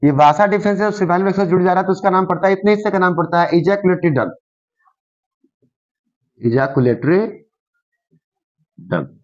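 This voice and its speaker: A science teacher, a man, explains a diagram and says each key term twice. He keeps asking the listener what each part is called, in a high voice. The recording sounds muffled and lo-fi. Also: rapid-fire, hardly any pauses. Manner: repeats key terms and quizzes the viewer with "what is it called?". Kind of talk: explaining a diagram in a class lesson.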